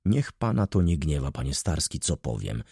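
A man reading an audiobook voices a tense middle-aged merchant who speaks low, clipped and grim. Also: expressive, normal speed, mellow, husky, no room sound, clean studio sound. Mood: cold scorn.

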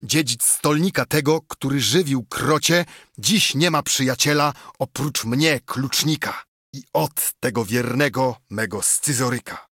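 A man's voice: medium pitch, a little slow, a bit bright, husky, no echo, studio quality. A man voicing a fiery old steward. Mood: rousing. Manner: impassioned, rousing. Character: old embittered male steward, fiery orator. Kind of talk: audiobook reading of an epic poem.

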